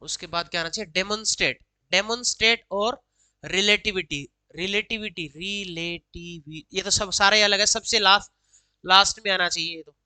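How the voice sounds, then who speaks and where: A woman teaching exam solutions, reading each English question slowly, then explaining quickly in Hindi mixed with English. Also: medium pitch, bright, forceful tone, clear, resonant tone, no room sound, low-quality recording. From Haryana, India.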